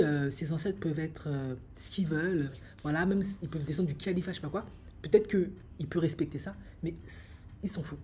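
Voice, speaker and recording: A woman's voice: low-pitched, warm tone, a little hiss or hum. A middle-aged woman coach giving her opinion to camera in a small room, with many hesitations and firm emphasis. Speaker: psycho-emotional coach and vlogger.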